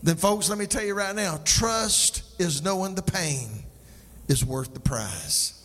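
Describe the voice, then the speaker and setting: A man's voice: high voice, expressive, measured pace, fairly bright tone, in a large hall. A male pastor preaching a sermon, calling out to the congregation for response and sliding into a sung, rhythmic cadence. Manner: call-and-response, sing-song preaching cadence.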